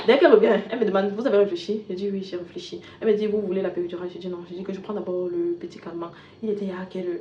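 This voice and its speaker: A woman vlogger casually retelling a personal story, switching from loud bursts to soft asides. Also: mid-range voice. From Cameroon. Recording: echoey room, dull lo-fi sound with faint hiss.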